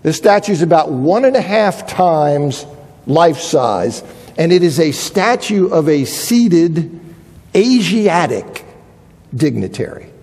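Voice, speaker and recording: A man's voice: on the high side, big pitch swings, takes it slowly, a little mellow, in a large hall. A man teaching a lesson on biblical archaeology, thinking aloud with frequent restarts and reading quotations aloud. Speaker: Bible teacher.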